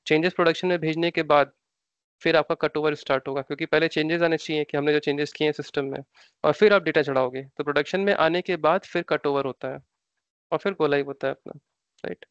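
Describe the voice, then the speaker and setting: A man's voice: a little high, fairly even intonation, fast talker, smooth, no room sound, muffled recording. Indian man teaching an online class. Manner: explanatory, repeats terms, asks rhetorical questions. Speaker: SAP training instructor. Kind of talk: live online class lecture.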